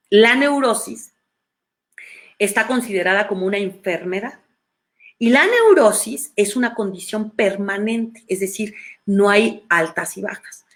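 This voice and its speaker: A middle-aged woman with a Mexican accent giving an animated, conversational talk on emotions, often restarting her phrases. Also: mid-range voice. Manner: animated, acts out quoted voices, frequent restarts. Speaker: speaker on emotions.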